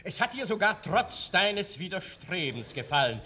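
A pompous, forceful playwright. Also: male voice, sits high, sing-song, moderate pace, heavily acted. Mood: triumphant. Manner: pompous, insistent, theatrical declaiming. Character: vain, persuasive playwright reading out his play.

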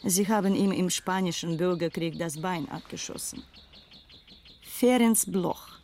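Voicing a proud, world-weary former madam now living as a respectable wife, an actress in a dubbed film thriller sounds disdainful yet wistful. Her pitch is fairly low and her delivery unhurried and mellow, with a little hiss or hum in the audio.

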